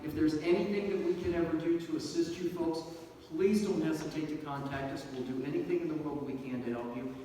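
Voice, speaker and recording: A man's voice: fairly high pitch, steady tone, fairly quick, mellow, slight background noise. A man giving an earnest banquet speech with folksy humor as a guest speaker from a law-enforcement agency. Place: banquet hall. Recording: echoey hall from a distance.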